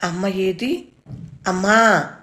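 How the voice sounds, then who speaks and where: A woman voicing a frightened young schoolboy who calls out loudly and anxiously for his mother. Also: lowish voice, steady tone, takes it slowly, echoey room. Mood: crying out. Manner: loud, anguished cries.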